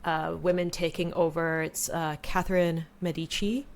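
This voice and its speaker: A woman's voice: on the low side, flat delivery, moderate pace, darkish tone. A woman in her thirties co-hosting a podcast, chatting casually with lots of fillers. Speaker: podcast co-host. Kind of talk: casual chat.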